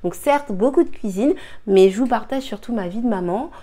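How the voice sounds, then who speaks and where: Her voice sits a little high with lively intonation and a dark tone, moving at a moderate pace. She's a young cooking and beauty vlogger explaining a recipe in her home kitchen, hesitant and filler-heavy, apologizing often and seeming somewhat tired.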